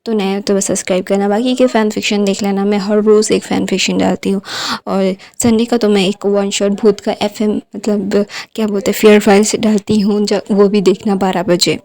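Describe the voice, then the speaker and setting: Mellow woman rambling through a story retelling. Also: medium pitch, level tone, moderate pace. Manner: rambling, with many fillers and English words mixed in. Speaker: storyteller, channel host.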